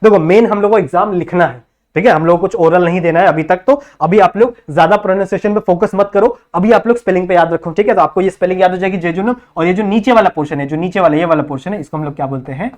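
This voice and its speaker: A man with a high-pitched, slightly mellow voice gives a quick-paced whiteboard biology lecture in a mix of Hindi and English. He draws a diagram, repeats each term back as a question, and often checks in with students using "thik hai."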